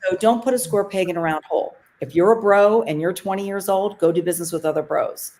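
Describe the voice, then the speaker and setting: A woman co-hosting a podcast, giving advice in a slow, steady way. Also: mid-range voice, soft background music. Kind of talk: casual podcast chat.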